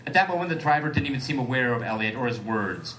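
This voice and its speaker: A man's voice: mid-range voice, animated, fast, fairly bright tone, a little hiss or hum. A man reading a story aloud for comedy and breaking off to joke and ad-lib. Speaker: comedic reader.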